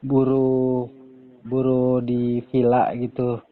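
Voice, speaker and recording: A man, a bank customer talking casually on speakerphone in a halting, hesitant way. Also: medium pitch, completely flat delivery. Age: 40s. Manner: hesitant, halting with many pauses. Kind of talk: casual phone conversation. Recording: tinny phone line.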